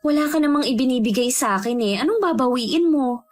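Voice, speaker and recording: A woman's voice: high-pitched, expressive, brisk, soft background music. An actress playing a greedy elder sister who keeps evasively denying she took anything. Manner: evasive, sulky denials.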